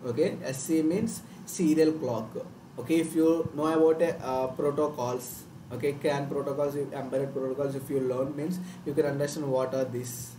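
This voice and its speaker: A man's voice: medium pitch, steady tone, moderate pace. A man with a Telugu Indian accent, a native Telugu speaker, explaining like a live online tutor in a repetitive way. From Telugu-speaking South India. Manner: repetitive, checks understanding with tag words. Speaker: online workshop instructor. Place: indoor room, live screen-share stream. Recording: roomy, distant mic, faint noise.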